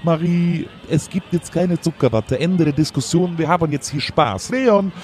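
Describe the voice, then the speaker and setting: Genervter Mann, lebhafte Sprachmelodie, schimpfend. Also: male voice, on the high side, lively intonation, normal speed, darkish tone. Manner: harried, scolding, exasperated. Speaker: comedian. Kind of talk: comedy sketch.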